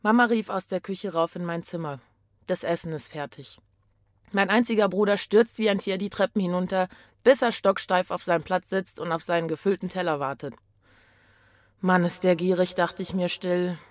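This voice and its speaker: A woman's voice: lowish voice, fairly even intonation, brisk. A woman reading a first-person story aloud in a reflective, brooding way.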